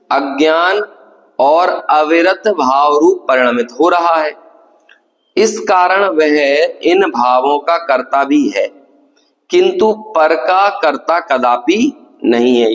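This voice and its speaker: Fairly high-voiced man giving a scripture lecture, recorded in an echoey hall. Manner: keeps checking the audience follows, reads passages slowly. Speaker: scripture teacher.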